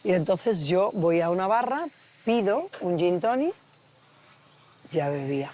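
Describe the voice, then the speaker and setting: Lively woman telling family stories. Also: lowish voice, a little slow. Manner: animated, acts out voices in her stories. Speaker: guest. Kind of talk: casual storytelling. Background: background music.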